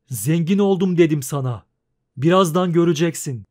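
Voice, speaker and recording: Yurga, a man doing a loud boisterous merchant. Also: fairly high pitch, expressive, normal speed, close to an everyday voice. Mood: boastful. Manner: loud, boastful and exclamatory. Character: boisterous middle-aged male merchant.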